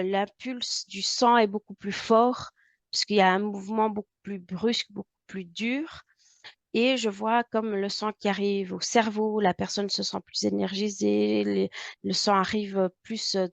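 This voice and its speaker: A woman with a French accent, describing impressions in a halting way, often pausing to search for words. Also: medium pitch, vocal fry, no room sound. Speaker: intuitive medium. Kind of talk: hesitant channeled description.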